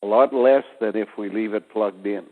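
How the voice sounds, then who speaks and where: A man with a fairly low voice talks in an unhurried, deliberate way and breaks down words letter by letter. The sound is thin and phone-like, with a long reverb tail behind it. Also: fairly even intonation. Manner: slow, deliberate wordplay explanations. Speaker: guest speaker. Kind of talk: casual phone conversation. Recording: tinny phone line with reverb.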